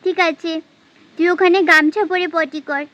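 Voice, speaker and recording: A woman voicing a bustling village mother doll who scolds and dotes on her children, talking fast and nagging. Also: very high-pitched, steady tone, fairly bright tone. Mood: fussing. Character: fussy village mother, scolding yet doting. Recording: dull lo-fi sound.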